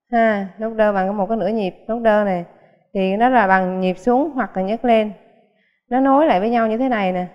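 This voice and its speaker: A woman teaching a piano lesson in a casual, chatty way, counting beats aloud and explaining with everyday comparisons. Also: medium pitch. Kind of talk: casual spoken music lesson. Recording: muffled sound with a long hall reverb.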